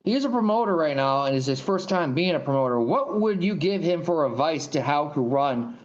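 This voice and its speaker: 30s guy hosting a podcast, rambles and repeats stuff, kinda high voice, muffled lo-fi sound. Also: lively intonation, brisk. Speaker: podcast host. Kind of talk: casual podcast interview.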